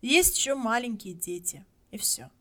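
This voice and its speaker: A village husband answers quietly and with regret, as a woman reading the story puts him on. His manner is resigned and matter-of-fact. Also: on the high side, lively intonation, normal speed.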